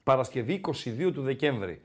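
A man's voice: mid-range voice, lively intonation. A man co-hosting a podcast in casual chat, grumbling playfully and repeating himself. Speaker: podcast co-host.

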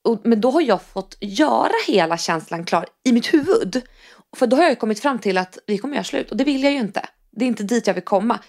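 A Swedish woman co-hosts a podcast in casual chat, swearing freely and acting out the lines of people she quotes. Her voice is a little high, animated and a little mellow.

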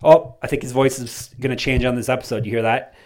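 A middle-aged man hosting a casual podcast, joking and teasing in a relaxed, rambling way. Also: medium pitch, quick pace. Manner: playful, joking, self-teasing. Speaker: podcast host.

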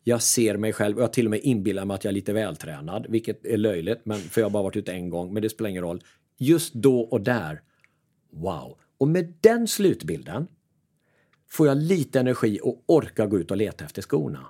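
This man, a mental coach, speaks in a voice on the low side as he hands out casual advice with lively self-mockery, dramatizing his own inner voices.

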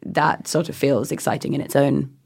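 A woman's voice: a bass voice, flat delivery, normal speed, creaky, darkish tone, breathy edge. A woman with a modern British Received Pronunciation accent, chatting reflectively in a hesitant, self-deprecating, digressive way as an interview guest. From England. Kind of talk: casual reflective conversation.

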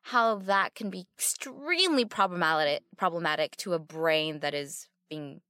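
Podcast co-host, woman, lowish voice, dry close mic, earnest and reflective. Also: moderate pace, sharp tone, clean tone, dry recording. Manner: earnest, reflective, with frequent restarts. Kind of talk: casual conversational podcast.

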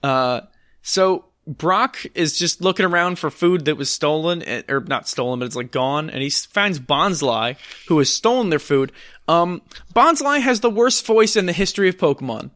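A man's voice: on the high side, expressive, moderate pace, a bit bright, dry recording. A man co-hosting a casual podcast, recapping a film in a sarcastic, rambling way with lots of fillers. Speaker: podcast co-host recapping films. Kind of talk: casual chat.

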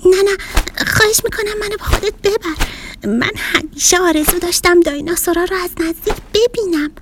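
Woman doing a high little boy, Sinasaurus. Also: noisy background. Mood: worried. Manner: high, quick and breathless, fearful then bold. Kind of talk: children's audio story.

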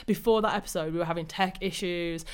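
A woman's voice: fairly low pitch, fairly even intonation, fast talker, smooth. Enthusiastic woman podcast host. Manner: enthusiastic, reflective. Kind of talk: casual conversation.

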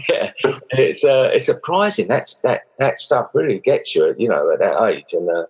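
Husky-voiced male podcast host. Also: fairly low pitch, very animated, moderate pace, muffled recording. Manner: friendly, rambling, with many fillers and restarts. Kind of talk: casual interview chat.

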